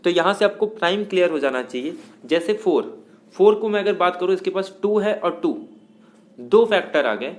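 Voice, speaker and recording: High-voiced man teaching math. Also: animated, normal speed. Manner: explains step by step, asks and answers own questions; mixes English math terms into Hindi. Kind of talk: classroom lecture.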